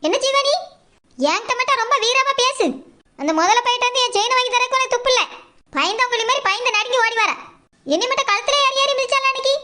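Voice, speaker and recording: A woman's voice: extremely high pitch, fast talker. A woman with a southern Tamil Nadu dialect voicing a defiant, quarrelsome village woman in a cartoon, talking back sharply. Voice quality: sharp retorting. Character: defiant quarrelsome village woman who lost her chain.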